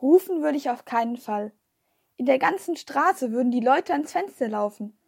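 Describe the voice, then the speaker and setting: A woman reads a children's story aloud in a lively first-person storytelling manner. Her voice sits high. The recording is dry, with no room sound. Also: moderate pace, creaky, husky, no room sound. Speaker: audiobook reader. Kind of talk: scripted narration of a children's story.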